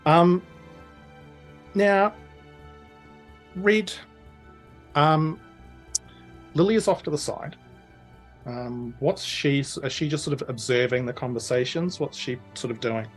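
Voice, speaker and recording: A man's voice: on the high side, slow pace, pauses often, soft background music. A young man narrating as game master, rambling with lots of fillers. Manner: rambling, many fillers, chuckling.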